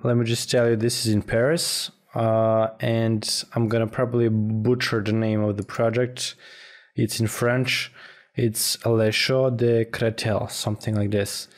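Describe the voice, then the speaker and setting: A man narrating an informal software tutorial as instructor, speaking haltingly and often repeating words. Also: lowish voice, little pitch movement. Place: voice-over for a screen recording.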